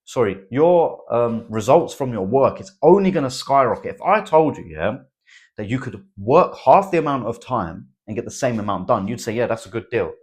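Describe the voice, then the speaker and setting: A man's voice: medium pitch, expressive, moderate pace. A young man, giving a blunt motivational monologue full of swearing and "bro". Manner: blunt, swears a lot, says "bro" and "right?". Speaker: self-improvement vlogger.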